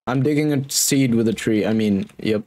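A man's voice: medium pitch, normal speed. A man hosting a group gaming session, joking and laughing a lot with his friends. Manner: excitable, laughs often, jokey. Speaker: channel host playing a game with friends. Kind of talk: casual gaming chat.

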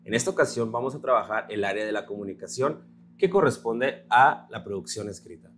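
A male teacher with a Mexican Spanish accent gives a recorded grammar lesson, slow and patient, spelling out words syllable by syllable. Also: fairly low pitch, expressive, fairly bright tone, slight background noise.

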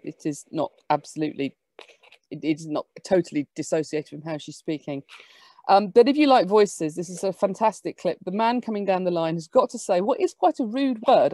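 A woman giving an academic lecture, explaining lively with quick asides. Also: on the low side, dry recording.

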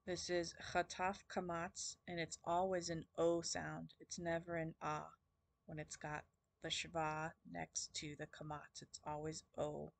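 Slow, deliberate woman teaching vowels. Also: sits low, level tone, vocal fry, dry recording. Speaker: Hebrew teacher. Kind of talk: recorded lesson.

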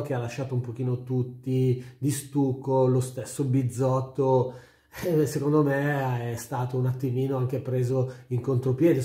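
With a dark, mid-range voice, this middle-aged YouTube sports commentator talks casually but forcefully to camera, repeating himself for emphasis. The indoor echo comes from the small furnished room at home where he records.

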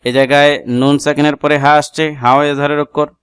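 A native Bengali speaker with a Bangladeshi accent teaches Quran reading at a quick pace in a fairly high, flat, clear and resonant voice. He spells out letters and vowel marks, explains each tajweed rule, and chants the Arabic verse in melodic recitation, with studio-quality sound and no room noise.

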